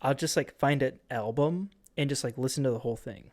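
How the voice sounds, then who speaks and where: A man's voice: medium pitch, fairly quick. A young man co-hosting a podcast, telling stories in a rambling way, full of fillers and restarts. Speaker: podcast co-host. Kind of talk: casual chat.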